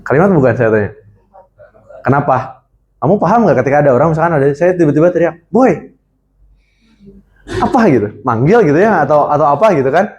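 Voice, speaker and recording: This is a young man from leading a college seminar session, speaking into a handheld microphone. His voice sits slightly high for a man. He teaches in an animated, interactive way and keeps quizzing the audience. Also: fast talker, muffled recording.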